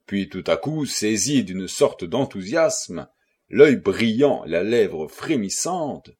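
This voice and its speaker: A husky male narrator reading a classic novel aloud. His measured delivery has lively, wide-ranging intonation. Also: fairly low pitch. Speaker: audiobook narrator. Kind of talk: scripted narration.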